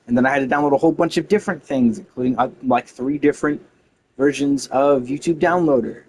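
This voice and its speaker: Heard through a low-quality recording with a little hiss or hum, a man's mid-range, slightly mellow voice carries loose, rambling talk on a game stream. He keeps stopping himself short with slangy, mildly fed-up grumbling.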